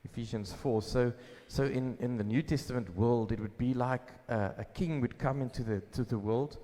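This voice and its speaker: A pastor preaching a sermon at a pulpit microphone, asking questions and answering them himself with emphasis. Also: male voice, mid-range voice, moderate pace, dark tone. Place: church hall. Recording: long hall reverb.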